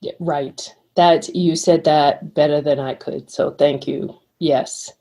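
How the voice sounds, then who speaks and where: A middle-aged woman with a Boston accent, a financial coach explaining ideas calmly and steadily as a podcast guest. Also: low-pitched. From Boston, USA. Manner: calm, explanatory, measured. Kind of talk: podcast interview.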